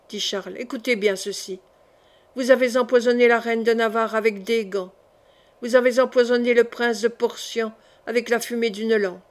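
Woman reading a classic novel aloud. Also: a little high. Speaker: audiobook reader. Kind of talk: scripted narration of a classic novel.

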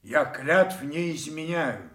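A man's voice: a little high, animated, takes it slowly, pushed and bright, full character voice. An older man playing a wrathful, commanding old king in a solemn, declamatory radio play. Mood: wrathful, bitter. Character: imperious, wrathful old king disowning his daughter. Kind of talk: classical Russian stage acting, radio play. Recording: echoey studio radio play.

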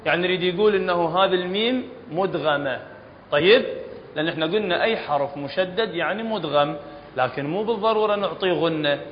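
Iraqi male tajweed teacher, high voice, explanatory classroom delivery, muffled recording in a reverberant room. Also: fast. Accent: Iraqi Arabic. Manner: explanatory, often checks understanding with the class. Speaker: Quran recitation teacher. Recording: dull lo-fi recording in a reverberant hall, faint background noise.

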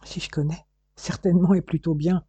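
A man voicing a gentle, devoted French wife in an audiobook, read in a soft, wistful way. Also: fairly high pitch, level tone, brisk, husky, no room sound. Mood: nostalgic.

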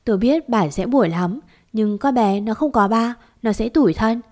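A woman's voice: fairly high pitch, normal speed, a little mellow, close to an everyday voice. A woman voicing a comforting older village man who welcomes guests and reassures his wife.

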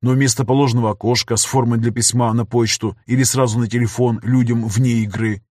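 A man reads an audiobook in a calm, measured way. His voice is husky and mid-pitched. The room sound is dry and close. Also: no room sound. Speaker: audiobook narrator. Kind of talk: scripted narration.

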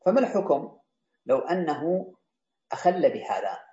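A man's voice: on the high side, sing-song, normal speed, dark tone. A man teaching a classical legal text, reading out each line and then restating and explaining it for his students. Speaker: teacher of Islamic jurisprudence. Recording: roomy, slightly dull sound.

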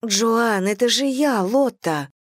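A woman's voice: a little high, lively intonation, takes it slowly, no echo, voice pushed up. A woman voicing a caring young noblewoman, anxious and pleading, with a raised, dry voice. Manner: anxious, pleading and stern by turns. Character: higher-voiced caring noblewoman, the husband's sister.

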